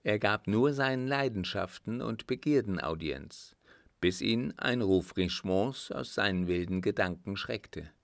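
A man reading a novel aloud in quiet, measured narration. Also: on the low side, gravelly, no room sound, clean studio sound. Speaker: audiobook narrator. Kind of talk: scripted narration.

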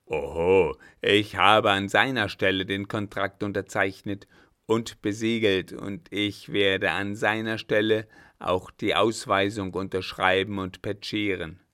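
A man's voice: steady tone, a little slow, hardly any pauses, smooth. A man reading a German story aloud, voicing a blustering, domineering old captain who roars his threats. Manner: booming, shouted outbursts.

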